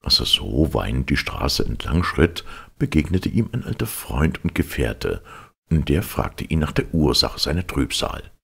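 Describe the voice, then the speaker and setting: A man with a very deep, gravelly voice reads a fairy tale aloud. His tone is husky and slightly raspy, and his delivery is lively and expressive, rising and falling with the story. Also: a little slow. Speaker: storyteller reading fairy tales. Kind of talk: storybook reading.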